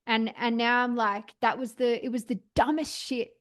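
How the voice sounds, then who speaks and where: A woman's voice: on the high side, little pitch movement, normal speed, fairly bright tone. A young adult woman opening up candidly in a therapy session, hesitant and searching for words, with frequent "like" and restarts. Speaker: podcast host and client.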